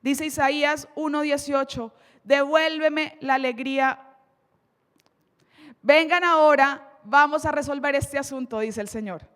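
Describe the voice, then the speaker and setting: A woman's voice: high-pitched, fairly even intonation, a bit bright, long reverb tail. A woman preacher with a Colombian accent giving an emphatic sermon, dramatically retelling scripture in a church. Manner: emphatic, dramatic storytelling, slows for key lines.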